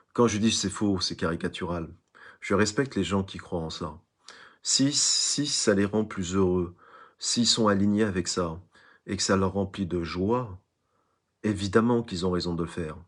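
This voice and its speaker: A man giving an online spiritual lecture, emphatic, who repeats phrases and tells little stories. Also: sits low. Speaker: spiritual teacher.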